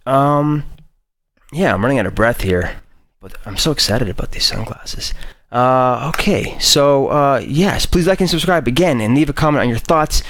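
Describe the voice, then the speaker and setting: A man's voice: medium pitch, fairly bright tone, no echo. A young man hosting a casual unboxing vlog, talking enthusiastically and rambling with lots of fillers. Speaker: YouTube host.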